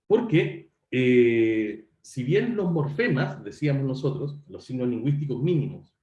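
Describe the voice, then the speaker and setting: A man delivers an online university lecture, speaking to students directly in a conversational way and often correcting himself. His mid-range voice is animated, a little slow and darkish. The room echoes and the highs are cut off.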